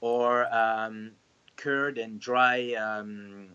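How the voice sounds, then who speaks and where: A man's voice: on the low side, steady tone, extremely slow, pushed and bright, clear, resonant tone. Hesitant man, muffled lo-fi sound. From France. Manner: hesitant, many fillers and restarts. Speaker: restaurant owner guest. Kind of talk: casual interview conversation.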